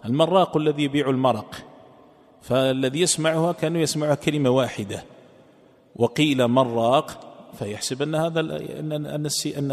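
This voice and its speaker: Man teaching exegesis in reverberant hall. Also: medium pitch. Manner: recites verses slowly, repeats phrases to explain. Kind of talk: religious lesson.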